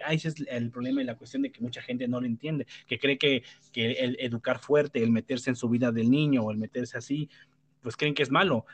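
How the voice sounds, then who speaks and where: A man with a Mexican accent giving opinions in a casual debate, rambling and blunt, swearing freely and tagging his points with questions. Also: mid-range voice. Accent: Mexican Spanish. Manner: rambling, many restarts and tag questions. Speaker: panelist.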